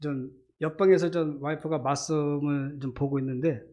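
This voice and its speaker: A middle-aged man, a church deacon, gives an earnest, halting personal faith testimony during a church service, with many fillers. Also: a little high, steady tone, dark tone. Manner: earnest, halting, many fillers, acts out his inner voices.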